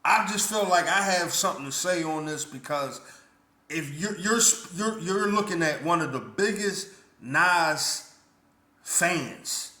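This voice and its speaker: A man's voice: fairly high pitch, animated, measured pace, pushed and bright. A man vlogging his blunt, indignant opinion in casual speech full of stammered restarts. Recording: roomy echo.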